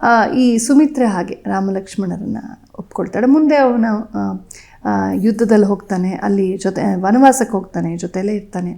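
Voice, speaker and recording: Woman, gravelly, mid-pitched, measured storyteller with fillers. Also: mellow. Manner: measured, with frequent hesitation fillers. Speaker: podcast guest speaker. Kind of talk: explanatory storytelling in conversation.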